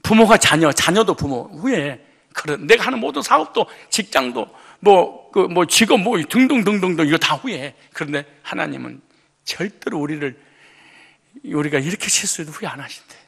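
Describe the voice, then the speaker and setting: A man preaching a sermon as pastor, emphatic and colloquial, often rising to loud outbursts. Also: a little high, lively intonation, moderate pace, gravelly, breathy edge.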